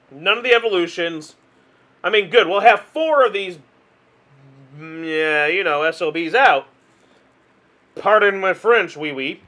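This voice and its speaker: A man's voice: high-pitched, fairly bright tone. A man commenting casually on his own online card game, chatty and exasperated, laughing at himself as things go wrong. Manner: chatty, exasperated, self-mocking; hums and sighs, laughs at himself. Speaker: gaming video host.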